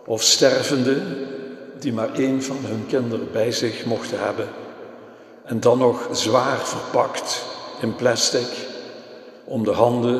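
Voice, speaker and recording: A man giving a Christmas sermon, telling stories in a slow, measured way. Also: mid-range voice. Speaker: preacher. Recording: echoey church with long reverb.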